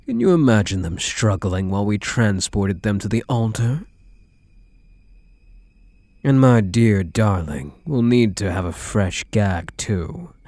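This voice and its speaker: In this menacing, doting ASMR roleplay, a fully voiced man acts as a possessive yandere who has kidnapped someone on his wedding day. His low, dark voice carries a slight husk and swings expressively in pitch as he coolly commands, offering slow, smug, mock-sweet endearments and soft threats. There's no echo.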